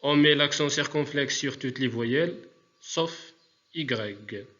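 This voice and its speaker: A man teaching a remote spelling lesson to pupils, speaking deliberately and repeating words for dictation. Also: mid-range voice, fairly bright tone, lo-fi sound.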